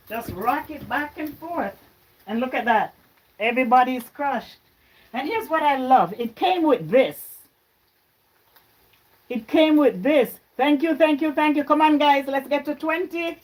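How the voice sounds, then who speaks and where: This livestream cooking host, born in Jamaica, keeps up a chatty patter with viewers from her home kitchen, where frying and stirring can be heard. Her voice sits high and moves a little slowly, with frequent pauses, and the audio quality is poor.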